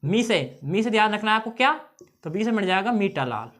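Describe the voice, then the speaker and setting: A man's voice: high-pitched, sing-song, fairly quick, fairly bright tone. A male teacher giving an exam-prep lesson on memory tricks, often checking in with his students and repeating key phrases.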